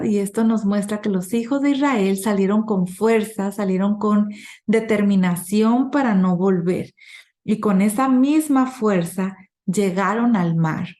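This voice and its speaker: A woman teaching a Bible study class at an unhurried pace, her voice sitting at an ordinary middle pitch. She explains each point step by step, pausing and restarting as she thinks aloud. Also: dark tone. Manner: slow, explanatory, with fillers and restarts.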